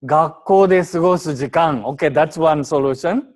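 A man's voice: fairly high pitch, unhurried, a little mellow. A man teaching an English translation class in Japanese, prodding students with questions and switching into English.

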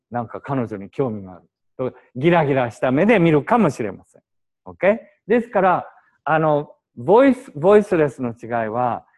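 A man teaching Japanese to a class, explaining with examples and short English glosses in a lively, animated way. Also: on the high side.

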